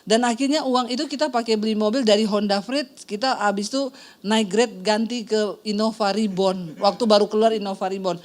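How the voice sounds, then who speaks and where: This middle-aged woman pastor has a mid-range, darkish voice with fairly even intonation and a brisk pace, plus an Indonesian accent. In her sermon she tells a personal testimony, acting out quoted voices and addressing the congregation as "Saudara."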